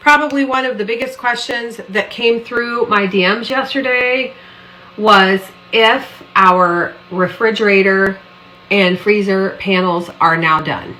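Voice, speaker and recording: Bright, casual woman vlogger. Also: medium pitch, a little hiss or hum, rough recording. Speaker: lifestyle vlogger. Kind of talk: casual vlog chat.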